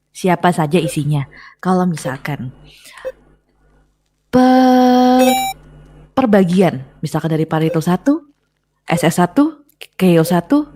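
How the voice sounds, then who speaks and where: Woman, mid-pitched, hesitant in-character roleplay chatter, light hiss. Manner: thinking aloud, hesitant. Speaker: roleplay player.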